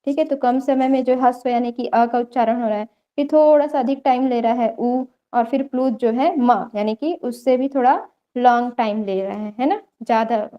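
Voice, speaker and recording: A woman's voice: a little high, normal speed, lo-fi sound. A young woman teaching an online yoga theory class, explaining step by step and checking in often with her students. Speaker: yoga lecturer.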